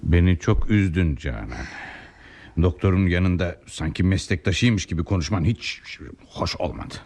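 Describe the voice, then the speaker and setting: An actor playing a stern, reproachful elderly father in old radio theatre style, lecturing with deliberate emphasis. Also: low voice, a little mellow, close to an everyday voice. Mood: disappointed, scolding.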